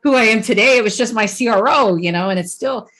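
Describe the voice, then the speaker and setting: A woman's voice: a little high, quick pace, fairly bright tone. A woman hosting a podcast interview, telling a personal story in a chatty way with frequent restarts and laughs. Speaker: podcast host. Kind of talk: casual conversational interview.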